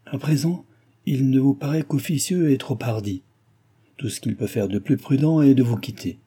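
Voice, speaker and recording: A man's voice: medium pitch, moderate pace, mellow, husky, lightly acted. A man reading aloud, voicing a grave older family friend who warns and admonishes. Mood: admonishing.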